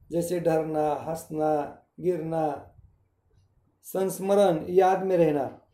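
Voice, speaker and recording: A man's voice: on the high side, dark tone, roomy sound. A male school teacher giving a recorded grammar lesson, explaining step by step and repeating each answer.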